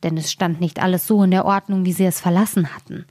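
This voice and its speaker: A woman storyteller reading a fairy tale aloud in a calm, measured way. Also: fairly low pitch, no echo, clean studio sound.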